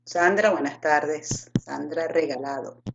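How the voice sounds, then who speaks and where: A woman co-hosting an online talk on a video call, greeting attendees politely and briskly keeping the start on time. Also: deep voice, creaky, background noise. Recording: dull lo-fi video-call audio.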